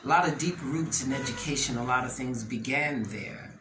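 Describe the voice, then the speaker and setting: A man's voice: medium pitch, moderate pace. Passionate American man, roomy echo. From Delaware, USA. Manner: emphatic, preacher-like delivery with rises and repeats. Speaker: host. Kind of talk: passionate monologue. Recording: roomy echo, faint ambient noise.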